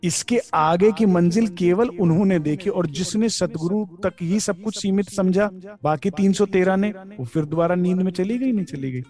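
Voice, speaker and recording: Mellow-voiced man giving a devotional talk. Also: sits high, moderate pace, soft background music. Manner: explains scripture, quotes verses, chuckles often. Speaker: spiritual speaker. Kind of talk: devotional discourse.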